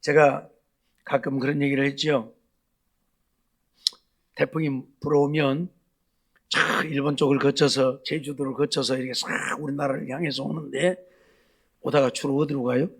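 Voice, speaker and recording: A man's voice: mid-range voice, little pitch movement, normal speed, creaky, long pauses, slightly rough. A male pastor preaching a Sunday night sermon, asking the congregation rhetorical questions again and again. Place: church sanctuary.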